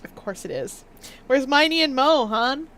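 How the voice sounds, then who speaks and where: A woman's voice: high-pitched, animated, a little slow, a bit bright. A woman voicing a dry, exasperated male defense attorney while reading out a video game. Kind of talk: video game voice-over read-aloud.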